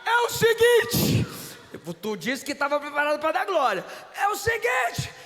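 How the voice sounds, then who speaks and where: A male pastor preaching a fervent sermon, often shouting. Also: very high-pitched, big pitch swings, unhurried, in a large hall, some chatter behind. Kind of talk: pentecostal sermon. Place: church sanctuary.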